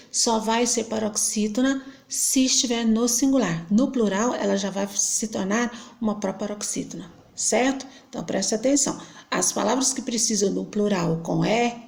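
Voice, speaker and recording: Slow, gravelly-voiced Brazilian teacher woman. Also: medium pitch, a little mellow. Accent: Brazilian Portuguese. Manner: patient, explanatory, checks in with tag questions. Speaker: Portuguese teacher. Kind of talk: grammar lesson.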